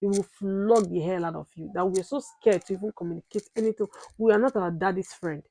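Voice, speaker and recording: A Nigerian-accented woman in her thirties, a vlogger and mom, chats casually to the camera in a sit-down vlog. Her mid-range voice has a dark tone and runs a little fast, and she often repeats herself and tags on "right?".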